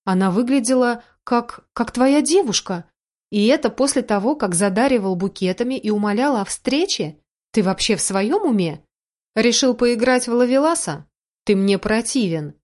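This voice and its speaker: An upset young woman flares up with raised, tearful retorts, as a woman narrator voices her. The voice sits high and strained, and it is read aloud from a storybook. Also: animated, moderate pace, a little mellow, lightly acted. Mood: angry. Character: angry hurt young woman, sharp-tongued.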